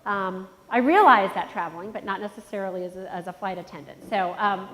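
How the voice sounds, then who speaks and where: In a large conference hall full of long reverb, a middle-aged woman with a nasal voice gives a motivational keynote, telling a personal story and speaking directly to the audience. Her voice is mid-range and fairly bright, her pace a little fast, with a little hiss or hum in the recording.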